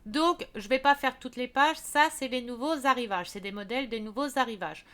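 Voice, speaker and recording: A woman's voice: a little high, normal speed, sharp tone. A woman casually walking viewers through a craft shop's products, chatty with many fillers and restarts. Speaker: craft video creator.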